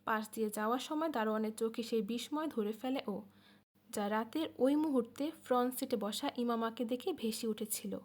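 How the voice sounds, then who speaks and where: A woman narrating an audiobook novel in a steady storytelling manner. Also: fairly high pitch, normal speed. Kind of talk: scripted narration.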